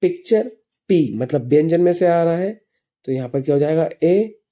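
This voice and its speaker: A man, teaching an English grammar lesson slowly and patiently, asking himself questions and answering them. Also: a little high, animated, warm tone, lo-fi sound. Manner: asks and answers his own questions while teaching; slow, patient explanations. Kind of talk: classroom lesson explaining grammar.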